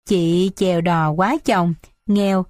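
A woman narrating a novel in a steady storytelling voice. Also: fairly low pitch, slow, no echo, studio quality. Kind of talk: audiobook narration.

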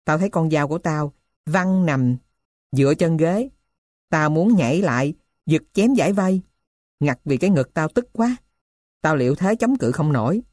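A woman voicing a poor middle-aged male thief who tells his story in a rough, blunt way. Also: low-pitched, a little mellow, no echo, studio quality.

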